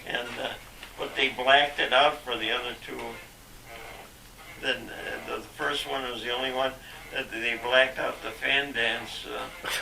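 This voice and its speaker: Older man on gravelly old VHS tape. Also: medium pitch, little pitch movement. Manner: halting, with many fillers and restarts. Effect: old VHS home video sound. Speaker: father being interviewed. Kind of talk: reminiscing home interview. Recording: echoey, distant, hissy VHS tape.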